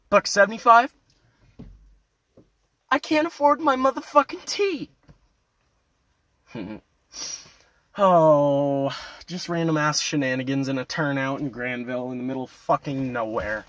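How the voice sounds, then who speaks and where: Foul-mouthed young man ranting loudly. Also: fairly high pitch, no room sound. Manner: foul-mouthed, loud and animated, swings between yelling and muttering. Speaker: vlogger. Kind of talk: casual profane rant to camera. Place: parked at a roadside turnout.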